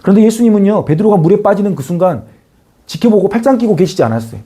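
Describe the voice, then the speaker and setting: A man preaching a Sunday sermon as pastor, earnest and emphatic, his voice rising on key words and falling soft at the ends of phrases. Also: high-pitched, expressive, fast talker, a little hiss or hum.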